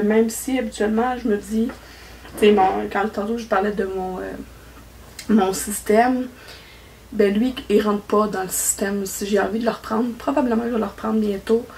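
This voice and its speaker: Slightly mellow and on the high side, this woman's voice carries a Québécois accent from Quebec as she rambles through a casual cross-stitch vlog, laughing frequently. The mic is a little distant and some faint noise can be heard.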